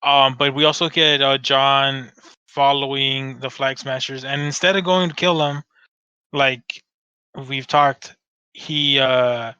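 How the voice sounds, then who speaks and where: A man's voice: medium pitch, fairly even intonation, takes it slowly, sharp tone, smooth, dry recording. A man co-hosting a casual fan podcast, talking in a rambling way with many restarts and frequent swearing. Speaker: podcast co-host. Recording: dull dry lo-fi sound.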